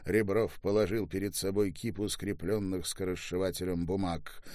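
A man's voice: sits low, little pitch movement, moderate pace, a little mellow, no echo, clean studio sound. A man reading a novel aloud as narrator, moving between narration and the voices of the characters. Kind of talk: audiobook narration.

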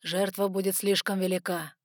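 A cold, reserved ice elder, as a woman reads him speaks gravely in a storybook audiobook. His middling voice comes across dry and close to the mic. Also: medium pitch, level tone, normal speed, no echo, close to an everyday voice.

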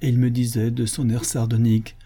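A man's voice: mid-range voice, monotone, fairly quick, dark tone, natural voice. Man reading as a lamenting gluttonous canon. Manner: anguished, theatrical lamenting. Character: gluttonous older male canon, lovesick for lost food. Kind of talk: audiobook reading of a classic novel.

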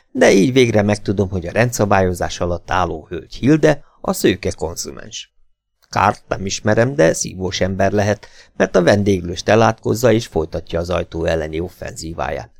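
A man reading a novel aloud as an expressive, dramatic audiobook narrator. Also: deep voice, creaky, no room sound, studio quality.

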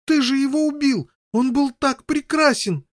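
A man reading an audiobook, voicing Gareth, a tender-hearted young boy who shouts in a high, anguished voice. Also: a little slow.

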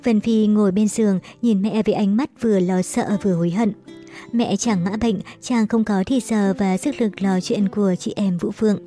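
Mellow-voiced woman reading a novel aloud. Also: medium pitch, fairly even intonation, normal speed. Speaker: narrator. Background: faint music.

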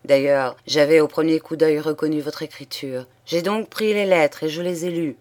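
A woman reading the part of a dignified young viscount, who speaks clearly and in measured terms. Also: low-pitched, a little mellow, natural voice. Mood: earnest. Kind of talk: audiobook character reading.

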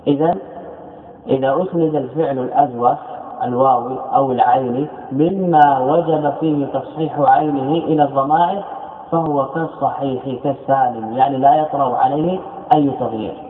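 A man's voice: medium pitch, fairly quick. Man teaching in an echoey hall. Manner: explains by repeating and asking himself questions. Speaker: teacher of Arabic morphology. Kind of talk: recorded classroom lesson. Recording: echoey hall over a tinny phone-like line.

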